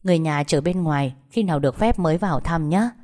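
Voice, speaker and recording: Composed male surgeon in an audiobook tale, steady and reassuring, read by a woman. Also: sits low, quick pace, lightly acted. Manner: calm, professional, soothing. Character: calm reassuring male doctor. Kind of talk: audiobook storytelling.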